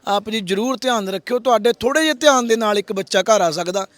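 Earnest high-voiced man pleading. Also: fast talker, a bit bright, no room sound. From Punjab, India. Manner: earnest, pleading, repeats please. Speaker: social worker, host of an appeal video. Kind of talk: public appeal to viewers.

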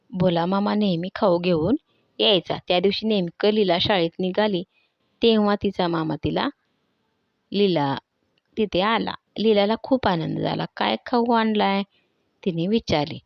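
A woman teacher reads a children's story aloud and then retells each part in plain words. Her pitch sits in a middle range. The recording is dry and a little dull. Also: no room sound. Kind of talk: reading a children's textbook story aloud and explaining it.

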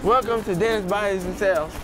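A man's voice: high-pitched, normal speed, over music. A young man playing a joking car salesman on an outdoor lot. He teases customers in slang and laughs a lot. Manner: laid-back, laughing, teasing slang. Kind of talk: playful comedic banter.

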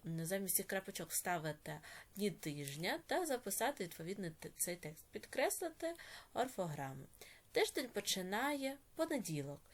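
A woman teacher with a Ukrainian accent giving an online lesson to young children and slowly dictating words with clear stress. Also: mid-range voice. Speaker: primary school teacher.

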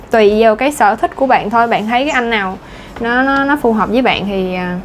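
This woman's voice sits on the high side, and there's a little hiss or hum in the recording. Speaking with a Southern Vietnamese accent, she teaches English pronunciation in a relaxed, talkative way, dropping plenty of fillers and small laughs.

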